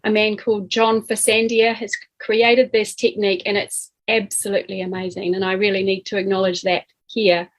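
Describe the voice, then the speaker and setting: A middle-aged woman on a video call, calmly explaining as a guest and workshop teacher, sometimes acting out examples. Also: medium pitch, moderate pace, hardly any pauses, poor audio. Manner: calm, explanatory, acts out examples. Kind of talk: casual chat, video call.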